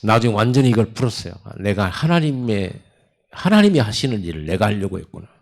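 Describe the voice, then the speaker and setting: Korean pastor guy preaching, low voice, chatty storytelling with sudden loud bits, jumps all over in pitch. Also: big pitch swings, brisk. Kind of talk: sermon. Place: church sanctuary.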